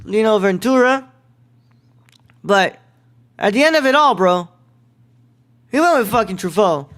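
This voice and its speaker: A young man hosts a casual film review podcast, rambling with lots of fillers and slang like "bro." His voice is high and fairly bright, and he sounds animated but unhurried.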